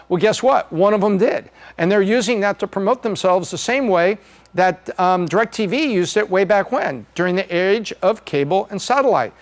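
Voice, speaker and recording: A middle-aged man hosting a podcast, walking through charts in a chatty, joking way. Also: high-pitched. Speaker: podcast host.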